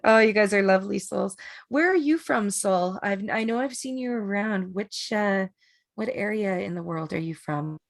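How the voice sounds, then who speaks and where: Gravelly, chatty woman energy teacher. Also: mid-range voice, moderate pace. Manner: warm, chatty, rambling with many fillers and laughs. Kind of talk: casual online class talk. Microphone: video call.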